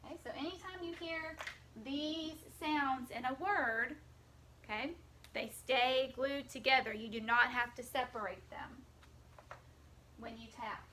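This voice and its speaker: A woman's voice: high voice, a little slow, sharp tone, a little hiss or hum. A woman teaching a phonics lesson to young children, patiently stretching out the sounds of words.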